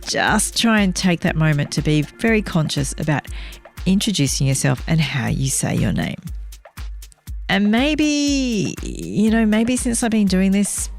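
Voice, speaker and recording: A low-pitched woman talks through a solo podcast episode, giving advice in a clear, measured coaching manner. Her voice has a gravelly edge of vocal fry. Soft music plays faintly beneath her. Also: big pitch swings. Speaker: podcast host. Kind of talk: solo podcast monologue giving speaking tips.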